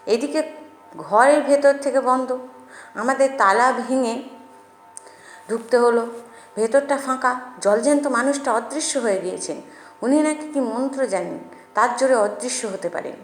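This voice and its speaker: A woman's voice: a little high, moderate pace, pauses often, reverberant, faint music behind, lightly acted. A woman voicing a grumpy, stingy older male hotel manager who blusters and scolds. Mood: blustering.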